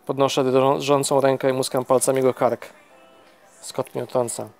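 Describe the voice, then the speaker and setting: A man's voice: medium pitch, normal speed, vocal fry, faint music behind. Man narrating a novel in first person. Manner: steady, with small slips and restarts. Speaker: audiobook narrator.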